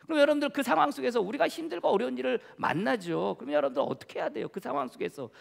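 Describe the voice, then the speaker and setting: A male pastor with a very high, gravelly voice preaches to his congregation, asking rhetorical questions as he goes. His voice carries a long echo through the church sanctuary. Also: lively intonation, racing. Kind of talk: sermon. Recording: church hall reverb.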